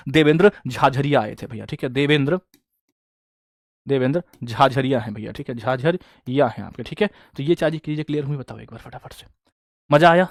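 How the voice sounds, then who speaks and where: Online class teacher, male, brisk quiz style, dry close-miked sound. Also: a little high, dry recording. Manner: quizzing students, repeating answers. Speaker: exam coaching teacher.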